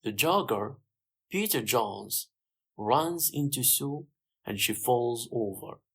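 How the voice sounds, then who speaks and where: A narrator reading a simple story slowly and clearly for English learners. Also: mid-range voice, animated, fairly bright tone. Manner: slow, clear, simple sentences.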